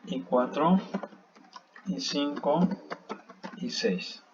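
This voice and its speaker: A man walks through a math lesson at an unhurried pace, thinking aloud as he checks each step. The recording sounds a little dull, with a faint hiss of background noise underneath. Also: a little high. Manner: slow, thinking aloud while checking work. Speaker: math teacher.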